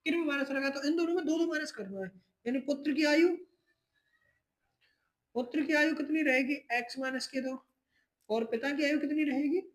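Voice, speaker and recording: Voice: high voice, moderate pace, pauses often, rough recording. A math teacher giving a step-by-step exam lesson, speaking to the students as children, restating each step and checking in often. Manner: addresses students as children, keeps checking in with "ठीक है".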